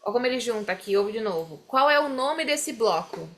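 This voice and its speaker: A woman teaching English, explaining phrases slowly and having students repeat them. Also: on the high side, lively intonation, slight background noise. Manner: drills phrases slowly, mixes English lines into Portuguese explanation. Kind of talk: classroom explanation.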